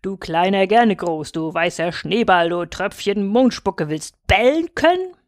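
A woman voicing a gruff old male chained wolfhound who growls and mocks in a storybook reading. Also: lively intonation, a little slow, dry recording, clean studio sound, lightly acted. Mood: mocking. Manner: growling, grim, booming.

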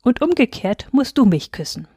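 Sprecherin als verlegener junger Ehemann, eifrig, stolpernd, trockene Aufnahme. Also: female voice, fairly high pitch, very animated, moderate pace, mellow, breathy edge, no room sound, pitched above the performer's own voice, heavily acted. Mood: eager. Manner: eager, stumbling over words. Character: flustered young newlywed man.

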